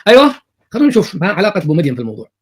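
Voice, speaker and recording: A man's voice: sits high, rapid-fire, husky. A man giving sarcastic reaction commentary on TV clips, mocking and repeating phrases. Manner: mocking, repetitive, animated.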